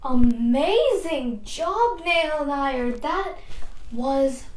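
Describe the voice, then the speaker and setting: A woman's voice: high voice, expressive, drawn-out words, a little mellow, echoey room, rough recording. A woman playing a job interviewer for a child, praising and encouraging in a playful pretend interview.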